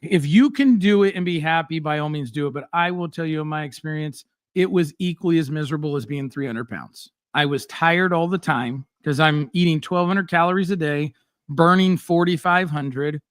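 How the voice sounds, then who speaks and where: This middle-aged man runs a casual live stream, talking in a blunt, animated way and dropping in fillers as he goes. For a man his voice sits slightly high, with a clean tone and a moderate pace. The audio is dry and close, with no room sound.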